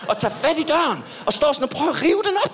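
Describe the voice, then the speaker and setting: A young man doing a stand-up comedy set on stage, telling a story with animated delivery and sudden high yelps.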